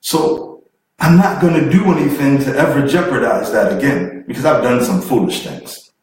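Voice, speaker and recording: A man's voice: medium pitch, normal speed, darkish tone. A man giving a preachy motivational seminar talk, fervent and repetitive, building in intensity and laughing through his words. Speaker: motivational speaker. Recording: very echoey room, far from the mic, faint noise.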